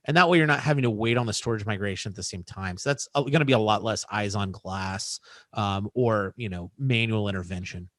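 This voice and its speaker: A man's voice: fairly low pitch, fairly quick, a bit bright, no room sound. A man answering technical questions in a casual, chatty way, with frequent fillers. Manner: chatty, uses many fillers.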